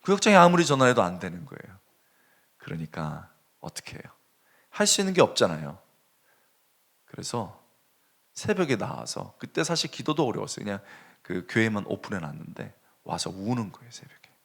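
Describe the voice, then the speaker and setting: A male pastor preaching a sermon, telling a story with animated swings between hushed and raised delivery. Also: fairly low pitch, moderate pace, vocal fry. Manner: animated storytelling, dropping to a hush and rising sharply.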